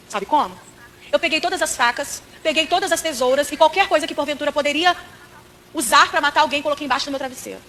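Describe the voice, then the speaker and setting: A woman's voice: high voice, bright, forceful tone, slight background noise. A woman with a Brazilian accent giving a church testimony as a preacher, telling her story dramatically and speaking straight to the congregation.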